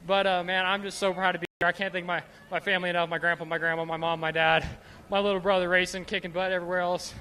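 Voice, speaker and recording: A man's voice: high-pitched, level tone, fast talker, sharp tone, a little hiss or hum. A young man giving an emotional, breathless post-race interview at a racetrack as the winner, gushing and stumbling over his words. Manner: gushing, repeats himself. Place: trackside at a racetrack, outdoors.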